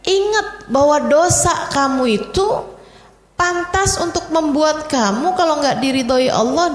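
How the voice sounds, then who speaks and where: Woman preacher, fairly high voice, chatty storytelling lecture, echoey hall with long reverb. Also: a little hiss or hum. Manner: chatty storytelling, addresses audience directly. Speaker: Islamic preacher. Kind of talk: religious lecture in casual speech.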